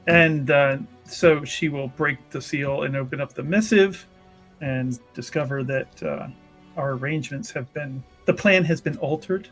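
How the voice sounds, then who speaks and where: A man improvises narration for his character while playing a tabletop roleplaying game, sounding casual, wry and conversational. His voice is on the high side and a bit bright, he speaks unhurriedly, and soft music plays in the background.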